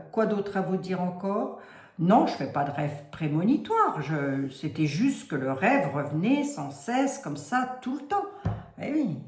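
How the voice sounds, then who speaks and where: A woman's voice: lowish voice, a little mellow, a little hiss or hum. A woman from Lorraine with a Lorraine accent, a psychic vlogger talking casually and rambling to her viewers with many asides. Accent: Lorraine French. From Lorraine, France. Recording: roomy echo.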